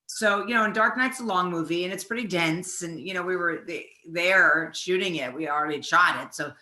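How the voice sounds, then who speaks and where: Very bright-voiced chatty woman storyteller. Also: fairly low pitch, brisk. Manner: lively anecdotal storyteller, laughs while talking. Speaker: guest. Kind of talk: casual interview chat. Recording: roomy echo.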